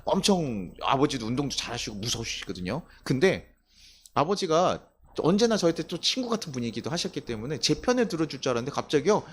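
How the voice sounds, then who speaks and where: Young guy preaching, tells stories and quizzes the crowd, kinda high voice that jumps around a lot. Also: slight background noise. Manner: storytelling, asks the congregation questions, acts out quoted voices. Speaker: pastor. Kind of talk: sermon.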